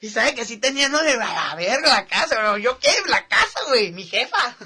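A man's voice: extremely high pitch, lively intonation, normal speed, heavy background noise. A young man with a northern Mexican accent, chatting casually and telling a story in slang, laughing often. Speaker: podcast co-host. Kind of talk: casual chat.

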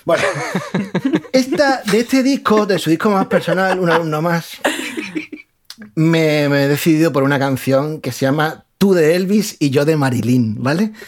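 High-voiced guy hosting radio, laughing, doing mocking voices. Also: normal speed. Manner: joking, frequent laughter, mocking falsetto imitations. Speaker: radio host. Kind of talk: humorous music commentary.

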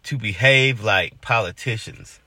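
A man's voice: on the low side, a little slow, sharp tone, no room sound. A man, co-hosting a casual podcast chat, rambling with lots of fillers. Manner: laid-back, rambling with many fillers. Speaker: podcast co-host.

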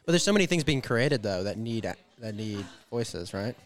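A man's voice: lowish voice, big pitch swings, moderate pace. A man hosting a podcast, talking casually and rambling with many fillers and restarts. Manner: rambling, heavy use of "like" and fillers. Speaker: podcast host. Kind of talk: casual conversation.

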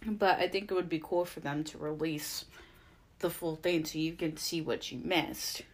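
A woman's voice: sits low, steady tone, normal speed. A young woman giving a casual, opinionated recap as a podcaster, rambling conversationally through her points.

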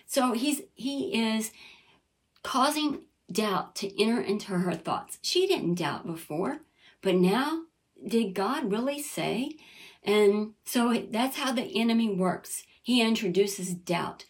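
A woman's voice: on the high side, animated, takes it slowly. A woman preaching a sermon. She reads scripture aloud, acts out quoted voices and keeps asking her listeners "Amen?". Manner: earnest, calls out "Amen?" to listeners.

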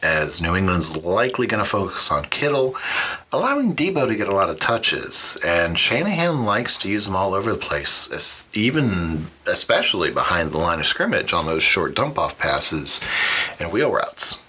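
A man's voice: low-pitched, big pitch swings, normal speed, pushed and bright, a little hiss or hum. A man hosting a podcast, giving fantasy football matchup commentary in a wry, mock-dramatic announcing manner. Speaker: podcast host.

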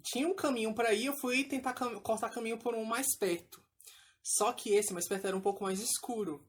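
A woman's voice: a little high, brisk, slight background noise. A young woman telling a story in casual chat, reacting expressively. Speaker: group chat participant.

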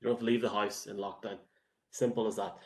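A man's voice: lowish voice, steady tone, fast talker. An Irish man hosting a sports show in a casual, chatty and enthusiastic way.

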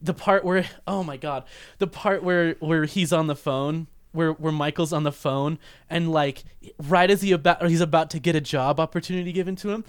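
A young man co-hosting a casual movie review chat, animated and laughing, acting out scenes in quick voices. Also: fairly high pitch, clean tone, no room sound, clean studio sound. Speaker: podcast co-host.

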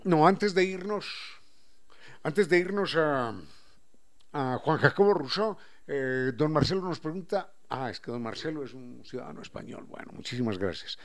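A male host with a fairly high voice. He explains in an unhurried, professorial way and lingers on individual sounds and words as he spells them out. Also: expressive, a bit bright. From Ecuador. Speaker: radio host. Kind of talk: explanatory talk-show chat.

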